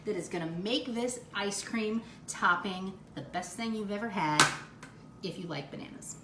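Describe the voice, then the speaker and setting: A woman's voice: medium pitch, moderate pace, roomy sound, heavy background noise. A woman hosting a casual cooking demo in her home kitchen, gushing over the food as she cooks and tastes it. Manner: gushing, enthusiastic food descriptions. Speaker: cooking show host.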